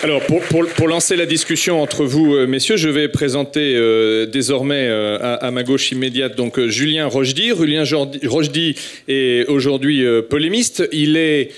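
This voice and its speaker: A man's voice: medium pitch, fairly even intonation. A man with a French accent moderating a panel, introducing guests with frequent hesitations. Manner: halting, many hesitations.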